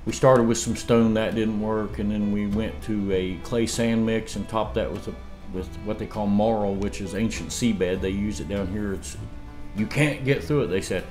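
A homesteading vlogger in his fifties sits at his dining table indoors, chatting casually to a camera set up across from him. His voice is lowish, steady and a little mellow at a normal speed, and faint music plays behind him. He tells rambling stories, laughing and restarting as he goes.

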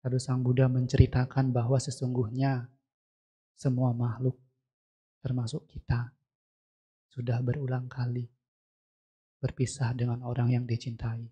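In a temple hall, a monk's warm, husky, medium-pitched voice moves unhurriedly and in a monotone, with long pauses. He recounts a story as part of a sermon and puts questions straight to the congregation, captured in dull lo-fi sound.

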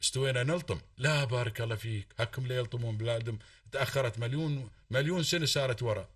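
A man's voice: mid-range voice, quick pace, a bit bright, distant mic. A man with an Emirati Arabic accent speaks at a breakneck pace, pressing his point with one oath after another. He sounds set back from the microphone, in a dry space with no echo. His tone is a fervent call-in lecture. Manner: fervent, swears oaths, lectures emphatically. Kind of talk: impassioned call-in talk.

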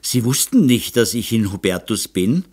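A man's voice: lowish voice, big pitch swings, moderate pace, a little mellow, husky. A man reading an audiobook voices a remorseful, timid middle-aged woman who pleads and blames herself. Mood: pleading. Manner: pleading, self-reproaching.

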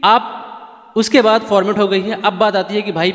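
Man, high voice, chatty tutorial host, repeats himself, reverberant sound. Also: level tone, moderate pace, fairly bright tone. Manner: chatty, repeats points, pleads with viewers. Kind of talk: casual how-to tutorial.

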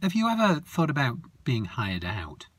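A man voicing a cheerful, calm male monster who explains things in a lively, earnest way. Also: mid-range voice, normal speed, breathy edge, voice pushed up.

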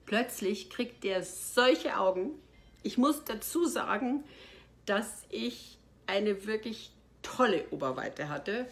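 A woman, an actress, telling behind-the-scenes anecdotes in an animated way, jumping from loud bursts to hushed, almost whispered asides. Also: mid-range voice, takes it slowly. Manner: expressive, swings from loud outbursts to hushed near-whispers.

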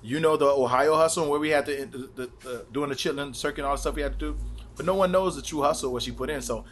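A man's voice: on the high side, quick pace, slight background noise. A male stand-up comedian from Chicago chatting on a podcast, telling road stories and acting out crowd voices. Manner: animated storyteller, acts out crowd voices. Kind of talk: casual podcast chat.

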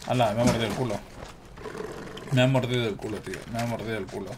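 A man's voice: lowish voice, steady tone, fast talker, very noisy. A man from gives chatty, exclamatory commentary while playing a video game and talking to his viewers. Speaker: gameplay streamer. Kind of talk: casual gameplay commentary.

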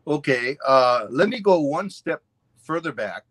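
A ukulele teacher from Hawaii in his sixties tells his story in a casual interview over a video call from a room at home, picked up by his webcam. His voice sits on the high side, very animated and unhurried, with a fairly bright tone and no echo. He wanders through asides and fillers.

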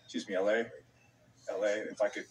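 A man in his forties conducting a backstage sports interview in a polite, measured manner into a handheld microphone. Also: fairly low pitch, flat delivery, distant mic, slight background noise, low-quality recording. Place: small backstage locker room.

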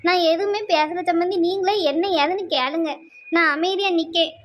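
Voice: fairly even intonation, moderate pace, fairly bright tone. A performer voicing a worried elderly mother-in-law in a cartoon family drama, pleading and insistent. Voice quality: very high, squeaky cartoon voice.

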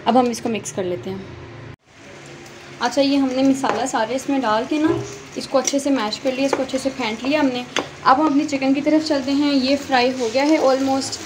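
A woman's voice: sits high, steady tone, brisk, background noise. A woman gives chatty step-by-step cooking instructions in her home kitchen, talking straight to viewers while holding her phone. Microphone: phone held in hand. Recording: loud frying sizzle behind. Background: frying and stirring sounds.

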